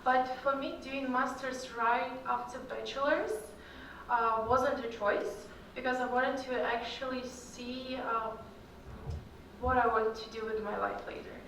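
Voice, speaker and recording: Her voice a little high and fairly bright, with fairly even intonation, a young Kyrgyz woman speaks a little slowly while answering student questions as an alumni guest. Russian is her first language, and she talks casually with many fillers. The mic is far away in a large echoey hall, adding roomy sound and slight background noise.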